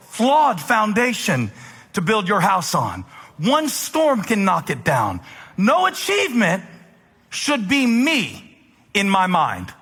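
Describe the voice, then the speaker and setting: A man from South Carolina preaching a live sermon to a congregation, emphatic and rising to shouts. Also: high-pitched, husky. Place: large church hall with congregation. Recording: long hall reverb, faint crowd.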